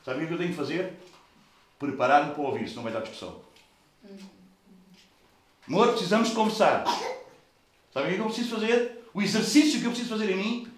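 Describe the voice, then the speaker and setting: A man with a European Portuguese accent preaches in a large church hall, his fairly high voice jumping from loud bursts to quiet asides. The sound is very echoey, with the mic some distance off. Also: rapid-fire. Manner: lively, swings from loud bursts to soft asides. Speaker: pastor. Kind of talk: sermon.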